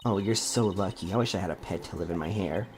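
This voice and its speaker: A man's voice: low-pitched, fast talker, lightly acted. A man voicing an eager, cheeky young woman lawyer from a video game. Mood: delighted. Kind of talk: video game dialogue read aloud.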